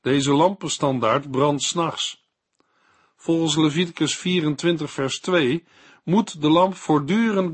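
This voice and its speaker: A man reading a scripted Bible commentary in a measured, didactic way. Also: fairly high pitch. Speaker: Bible teacher.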